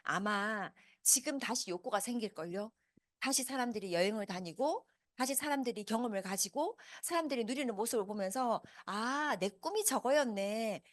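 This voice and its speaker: A woman's voice: fairly high pitch, lively intonation, normal speed, no echo, studio quality. A woman in her fifties gives a motivational business talk to a live audience, asking them many questions. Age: 50s. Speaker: business presenter. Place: meeting hall with a live audience.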